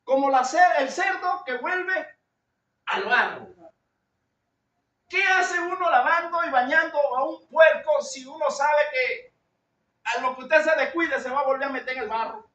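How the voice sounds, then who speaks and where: A man with a Venezuelan accent preaching a sermon in a loud, shouting timbre, earnest and confessional, calling his listeners brother. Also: very high-pitched, a little slow. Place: church hall. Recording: echoey hall, distant lo-fi mic.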